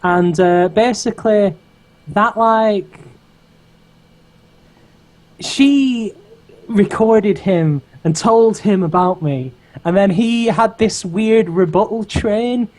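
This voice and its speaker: A man from England co-hosting a game playthrough, joking around in halting casual banter full of fillers. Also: sits high, darkish tone, rough recording. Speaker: co-host of a game let's play.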